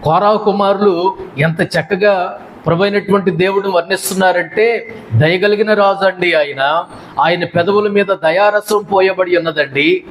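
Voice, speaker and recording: A man's voice: high-pitched, normal speed, a little hiss or hum, rough recording. A male pastor delivering a sermon, with repeated refrains and rhetorical questions.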